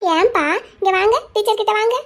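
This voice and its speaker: Gentle cartoon teacher, very high voice, soothing, sing-song, coaxing. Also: female voice, fairly quick. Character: gentle young woman schoolteacher, coaxing. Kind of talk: cartoon voice acting.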